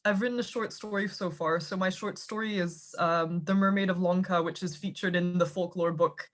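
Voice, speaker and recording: A woman's voice: fairly low pitch, steady tone, moderate pace. A woman from Thailand with an American accent, an author explaining her work articulately in a video call interview. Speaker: author guest. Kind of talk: casual interview answers.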